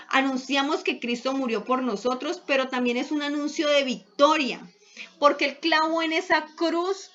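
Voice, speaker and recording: A woman with a high voice preaches earnestly, asking her listeners questions and sinking into soft, low prayer. The recording is dull and lo-fi, with the top end muffled. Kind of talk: sermon.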